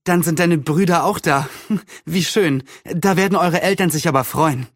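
A man's voice: a little high, moderate pace, dry recording, studio quality, pitched above the performer's own voice, lightly acted. A man doing a prim, nosy neighbor woman. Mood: friendly prim.

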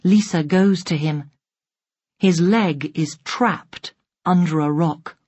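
A woman narrating a simple learner's story in a slow, deliberate, carefully spaced reading. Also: on the low side, a little mellow, breathy edge. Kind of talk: slow graded-reader narration.

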